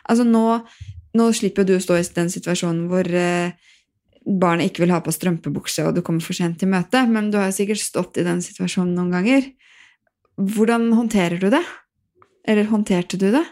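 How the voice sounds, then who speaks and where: A woman hosting a podcast in an informal, chatty way, as in casual interviews and relaxed sponsor reads. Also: lowish voice. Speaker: podcast host.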